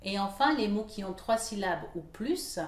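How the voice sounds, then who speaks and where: A woman teaching English pronunciation, who explains clearly and repeats each example word several times. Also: mid-range voice, animated, echoey room. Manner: slow, repeats English words several times to model stress. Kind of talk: French-language English pronunciation lesson.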